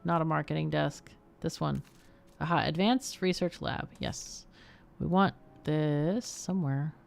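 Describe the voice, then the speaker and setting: A woman with a deep, gravelly voice hosts a casual game livestream at a measured pace. She's expressive, exclaiming and talking to herself as she plays, mixing gameplay commentary with chat.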